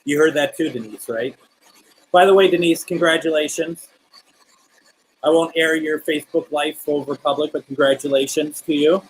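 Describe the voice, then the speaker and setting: This husky, somewhat high male voice holds a steady tone and moderate pace despite poor audio. Hosting a paranormal session live, he keeps the chat loose and keeps asking questions of the spirits and the people watching, addressing the unseen in a casual stream.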